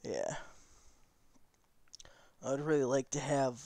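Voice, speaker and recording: Young man, casual game-stream commentary, rambling, middle pitch, dry close sound. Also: big pitch swings, takes it slowly, a little mellow, dry recording. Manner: laid-back, rambling, talks to viewers as "guys". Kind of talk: casual live-stream commentary while driving a truck simulator.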